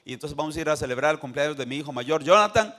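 An older man preaching a sermon in a church, animated, with sudden shouts and call-and-response to the congregation. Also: fairly high pitch, racing. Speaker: pastor.

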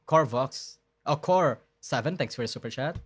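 Regular mid-pitched guy streamer chatting casually, reacting to stuff live. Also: lively intonation, normal speed, husky.

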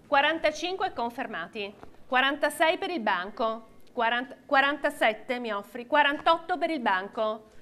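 A woman's voice: sits high, animated, normal speed, fairly bright tone. A middle-aged woman working as an auctioneer, calling and repeating bids in an auctioneer's chant at a live sale. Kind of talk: live auctioneering of classic cars. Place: large auction hall with seated audience.

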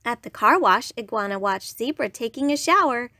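Woman reading a kids bedtime story, bouncy and expressive, dry close mic. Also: a little high, moderate pace, dry recording. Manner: lively, expressive storybook narration.

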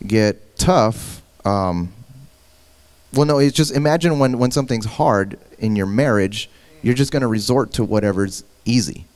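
A man's voice: lowish voice, measured pace, a little mellow. A married man on a church stage panel, sharing his story earnestly with restarts and repeated words. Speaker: panel guest. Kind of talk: personal testimony about marriage.

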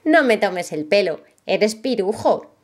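Cheeky clever little girl voiced by a woman, patient and teasing, sing-song rhymes, lively pitch. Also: unhurried.

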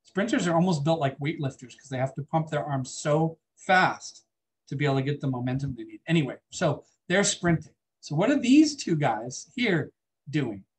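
A man's voice: on the high side, lively intonation, moderate pace, a little hiss or hum. A man teaching a biology lecture in a classroom, chatting with the class and asking students questions. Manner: conversational, asks the class questions.

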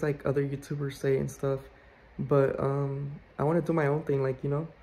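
This house tour vlog features a man in his twenties whose voice is fairly high, gravelly and mellow. Recording indoors on a handheld phone, he rambles casually, leaning heavily on fillers.

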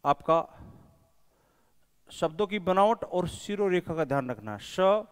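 A man's voice: high voice, lively intonation, unhurried, clean tone. A male coaching teacher giving a whiteboard lesson, patiently drilling sounds one by one and calling his viewers friends. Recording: echoey room with long reverb.

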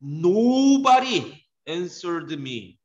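A man teaching an English grammar lesson to a class, lively and teasing, scolding students. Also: high-pitched, drawn-out words. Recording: dull echoey classroom recording.

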